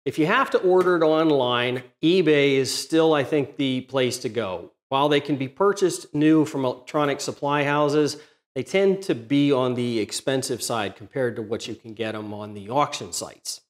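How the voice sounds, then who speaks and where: In this explanatory tutorial, a middle-aged workshop channel host describes modifying a welder, talking to camera at home in his workshop. His medium-pitched voice moves at normal speed, with a plain-spoken, methodical, technical manner.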